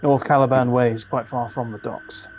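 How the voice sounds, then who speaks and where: A man narrates a tabletop role-playing game as its game master. His voice sits at an ordinary middle pitch, and he often pauses and rephrases as he describes what the players find. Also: fairly even intonation, darkish tone, faint music behind. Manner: halting, searching for words.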